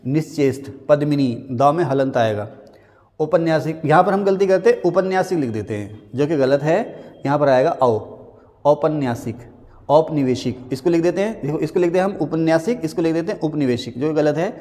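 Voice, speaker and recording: Hindi grammar teacher man, slow and repetitive. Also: a little high, animated, a little mellow, big-room sound. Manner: drills words, stating the wrong and the right spelling again and again; slows right down to spell a word out. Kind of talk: classroom-style spelling lesson.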